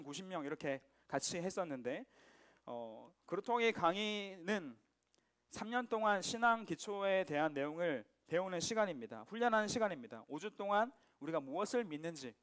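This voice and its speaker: High-voiced male pastor preaching. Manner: lively, joking, asks the audience questions. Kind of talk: sermon to teenagers.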